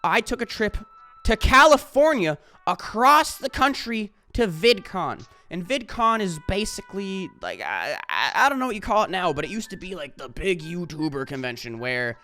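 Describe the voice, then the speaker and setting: A man's voice: sits high, sing-song, moderate pace, pushed and bright. A man talking to camera in a casual vlog, rambling with lots of fillers and casual swearing. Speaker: YouTuber.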